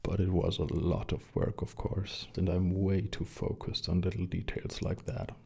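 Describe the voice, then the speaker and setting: A man chatting gently in a soft-spoken, hushed and breathy ASMR style, relaxed and close to the mic. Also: sits low, normal speed. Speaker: ASMR video creator. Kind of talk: soft-spoken ASMR chat, slipping into whispers. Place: small quiet rented studio room. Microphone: close shotgun condenser mics.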